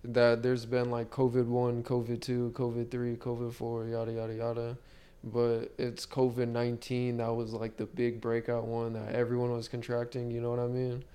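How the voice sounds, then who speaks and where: Young man, frat-bro slang, even intonation, smooth mellow voice, earnest casual podcast chat. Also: mid-range voice, normal speed. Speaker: podcast host.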